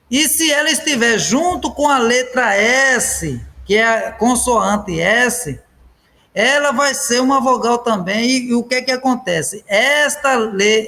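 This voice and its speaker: Guy teaching grammar online, kinda high voice, slow and steady, keeps asking ok?. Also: vocal fry. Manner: keeps checking in with "ok?" and "pessoal"; repeats and rephrases each point slowly.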